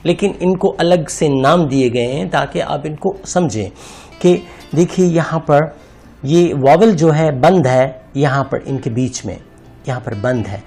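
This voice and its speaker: A man's voice: on the high side, gravelly, warm tone. A man teaching an English grammar lesson, patiently repeating words and splitting them into syllables for his viewers. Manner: addresses viewers as friends. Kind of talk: explaining a grammar lesson over slides.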